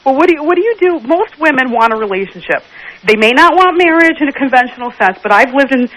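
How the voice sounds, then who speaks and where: A woman's voice: sits high, expressive, fast, fairly bright tone, low-quality recording. A woman calling in to a radio show, arguing her side and defending herself. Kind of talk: debating on a call-in show.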